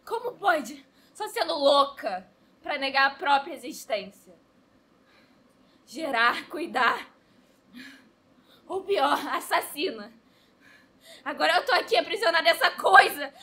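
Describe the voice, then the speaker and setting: A woman performing a frantic young mother at the breaking point, in a very high, bright, piercing voice that swings wildly in pitch. She screams and sobs her stage monologue with raw anguish. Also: sing-song, normal speed, full character voice. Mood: bitter anguish. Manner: screaming, sobbing and laughing in anguish. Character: desperate young mother overwhelmed by a crying baby.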